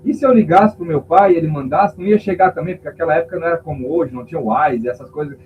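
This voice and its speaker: Over tinny, phone-like sound with a faint hum, a male pastor races through an emotional testimony in a podcast interview. His voice sits on the high side, and he performs the voices of the people in his story.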